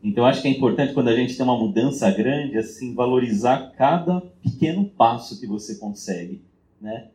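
A man's voice: mid-range voice, brisk, mellow. A man sharing a personal story in a group meeting, reflective and casual, with frequent filler tags and restarts. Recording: roomy echo.

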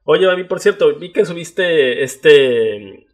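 A young Mexican man with a Mexican Spanish accent, co-hosting a casual podcast chat in a lively, chatty way. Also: on the high side, takes it slowly. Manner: chatty, lively, with many fillers. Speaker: podcast co-host.

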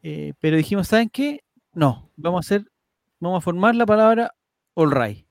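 High-ish guy telling a story, rambles a lot, dry close mic. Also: expressive, moderate pace, vocal fry, dry recording. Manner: rambling, with restarts and laughs. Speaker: podcast host. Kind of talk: casual storytelling to co-hosts.

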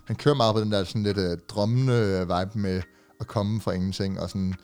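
A man's voice: lowish voice, steady tone, a little mellow, clear, resonant tone. A man co-hosting a music podcast, eagerly defending the songs in casual, slangy chat. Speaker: podcast co-host reviewing music.

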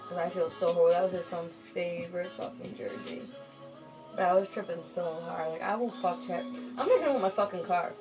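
A young woman from Michigan vlogs in a brisk, lowish voice during a casual late-night chat. She rambles and swears with many fillers while music plays in the background.

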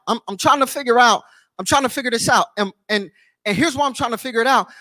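High, bright-voiced preacher man. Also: no echo. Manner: repetitive, rhythmic preaching with call-outs to the congregation. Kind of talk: sermon. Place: church.

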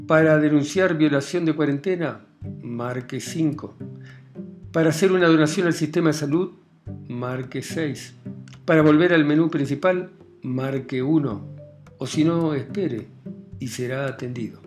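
A man mimicking a flat phone-menu recording. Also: on the high side, measured pace, soft background music, natural voice. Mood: mechanical. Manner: clipped, rhythmic listing of options.

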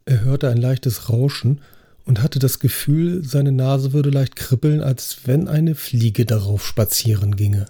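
A man narrating a story in a measured, even scripted reading. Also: mid-range voice, slightly rough.

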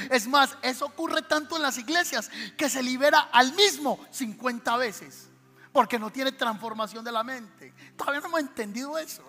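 A man with a Colombian Spanish accent preaching a sermon as pastor, speaking directly to the congregation and breaking into shouted exhortations. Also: extremely high pitch. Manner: addresses the congregation directly, asking for amens. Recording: music behind, long hall reverb.

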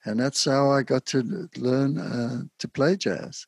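An older man from South Africa with a husky voice talks in a soft, halting way, pausing often between thoughts. His voice sits in a middle register. The recording is close and dry, with no room sound. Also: medium pitch, fairly even intonation, no room sound. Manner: soft-spoken, halting with frequent pauses. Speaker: guest saxophonist. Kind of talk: casual interview.

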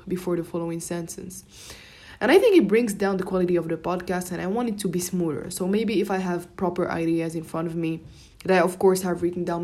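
A young Moroccan woman whose first language is Darija (Moroccan Arabic) hosts a casual solo podcast, rambling informally and often interrupting herself. Her voice is on the low side, with a dark tone.

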